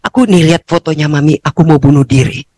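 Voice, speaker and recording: A woman voicing her troubled grown son in a quiet, flat, pleading way, a little lower than her own voice. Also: fast, dry recording. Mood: despairing.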